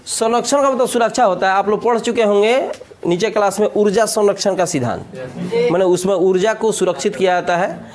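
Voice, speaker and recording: Joking high-voiced Bihari physics teacher. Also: male voice, fairly quick. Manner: joking, repeats questions to the class. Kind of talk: classroom lecture with jokes.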